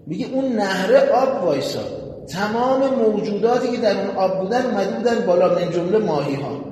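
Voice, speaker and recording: A man preaching a sermon, retelling a story with animation and calling on his listeners to pay attention. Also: sits high. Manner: addresses the audience directly, animated retelling. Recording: echoey hall with long reverb, faint noise.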